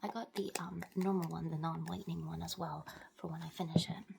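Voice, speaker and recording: A woman whispers quickly and softly in a casual, rambling ASMR chat, close to the microphone, trailing off and picking thoughts back up. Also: on the low side, flat delivery, heavy background noise. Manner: fast whispering, breathy and soft-spoken. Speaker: ASMR video host.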